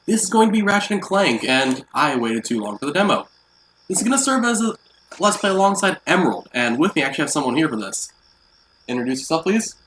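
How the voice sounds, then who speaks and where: A man's voice: on the high side, very animated, quick pace, a bit bright, a little hiss or hum, poor audio. A young man hosting a let's play, giving upbeat, chatty, jokey gameplay commentary.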